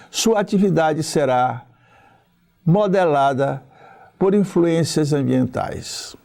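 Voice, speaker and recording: An older man giving a spoken lecture, slow and deliberate, pausing often between phrases. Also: on the high side, gravelly, darkish tone.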